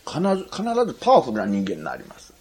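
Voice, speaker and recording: A man's voice: lowish voice, wildly swooping pitch, fast, a little mellow, slight background noise. A man preaching a sermon in a chatty, humorous way, often asking his listeners questions. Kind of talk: sermon to a congregation.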